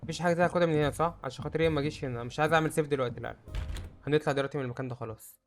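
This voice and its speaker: A young man with an Egyptian Arabic accent giving let's-play commentary, jumpy and prone to sudden yelps and shouts when startled. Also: a little high, very fast, soft background music. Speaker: gamer.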